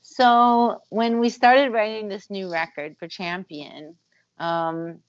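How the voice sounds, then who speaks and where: A woman's voice: medium pitch, steady tone, slow, no room sound, dull audio. A woman, a musician and former voice actor, talking thoughtfully in a casual interview over a video call, with frequent ums and uhs.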